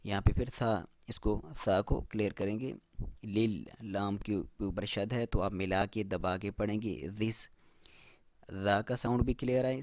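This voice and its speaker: Low-voiced man teaching Quran recitation. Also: darkish tone, dry recording. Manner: explains rules plainly, then recites verses slowly in a raised voice. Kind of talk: step-by-step tajweed lesson.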